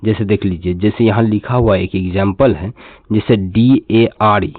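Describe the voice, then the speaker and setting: A man teaches pronunciation with a fairly low voice, checking in with his students and repeating each word. The recording is dry and tinny, like a phone line, with no room echo. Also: steady tone, a little slow. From India. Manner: repeats each word and asks the class what it is read as. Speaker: English teacher. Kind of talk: classroom lesson, explaining step by step.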